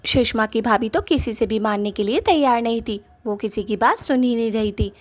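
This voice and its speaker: A woman narrating a cartoon story in a plain, steady storytelling way. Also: fairly high pitch, brisk.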